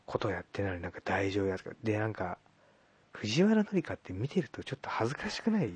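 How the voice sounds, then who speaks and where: A man's voice: fairly low pitch, sing-song, quick pace, breathy edge, no room sound. A man co-hosting a casual radio talk show, blunt and teasing in his opinions. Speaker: podcast co-host. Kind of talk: casual chat.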